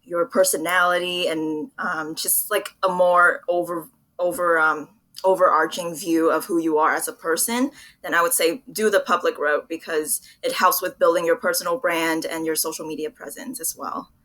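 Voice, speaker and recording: Speaking at a moderate pace with a steady tone, this young Vietnamese woman has a lowish, slightly bright voice. She is a PR professional being interviewed, and her answers come across as earnest, articulate and conversational.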